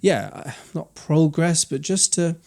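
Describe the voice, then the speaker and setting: A man's voice: on the high side, lively intonation, slow pace, vocal fry, darkish tone. A young man co-hosting a podcast, chatting casually and reflectively with lots of restarts. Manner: reflective, rambling with many restarts. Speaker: podcast co-host. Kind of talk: casual chat.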